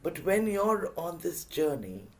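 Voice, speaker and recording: A man voicing a bright, cheerful wise guide who asks patient, probing questions. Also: fairly high pitch, sing-song, slow pace, pitched above the performer's own voice, full character voice. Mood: curious, teaching.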